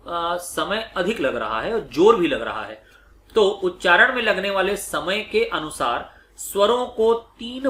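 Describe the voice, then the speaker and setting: Bright-voiced man teaching in an echoey room. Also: high voice. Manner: patient, spells out each letter and repeats points. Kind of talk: Hindi grammar lecture.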